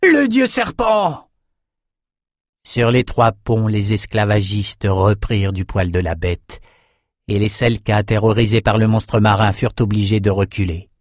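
Low-voiced male fantasy audiobook narrator. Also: level tone, moderate pace, a little mellow, no room sound, clean studio sound.

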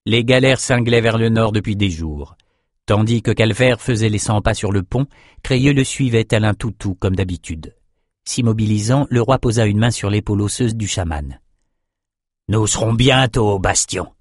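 A man narrating an audiobook in a measured, even way. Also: lowish voice, dry recording, studio quality. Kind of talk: scripted narration.

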